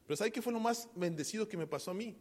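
Preaching pastor with rising, swelling emphasis. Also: male voice, high-pitched, quick pace, big-room sound. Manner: preaching with sharp swings between soft and loud. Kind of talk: sermon.

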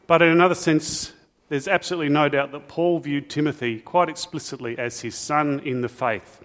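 A man's voice: on the high side, steady tone, moderate pace, a bit bright. A middle-aged man, preaching a sermon as pastor in a chatty storytelling way with asides to the congregation. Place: church. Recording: reverberant church hall.

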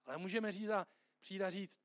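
A man's voice: high voice, fairly even intonation, fairly bright tone, dry recording. A man preaching a sermon in a conversational way, often checking in with the listeners. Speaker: pastor.

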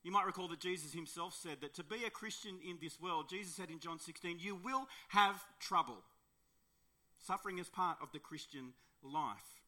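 Bright-voiced Australian man preaching a sermon. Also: a little high, fairly quick, few pauses. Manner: conversational storytelling, rhetorical questions, drops to quiet emphasis. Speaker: pastor. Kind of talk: sermon with opening prayer and personal story.

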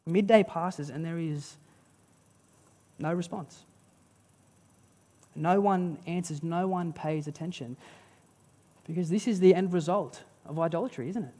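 Preacher in a reverberant hall. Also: medium pitch. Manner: storytelling, dramatic pauses, lively and conversational. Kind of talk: sermon. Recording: long reverb of a large hall.

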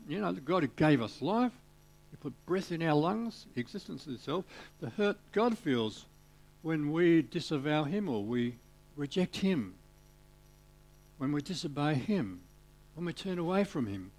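A man preaching a sermon, retelling a parable with animated storytelling and little voiced parts for the characters. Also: a little high, a little slow.

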